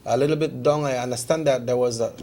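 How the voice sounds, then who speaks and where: A man's voice: medium pitch, steady tone, quick pace, mellow. A man with a Belizean Creole accent co-hosting a conversational political discussion. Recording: clear background noise and ambience.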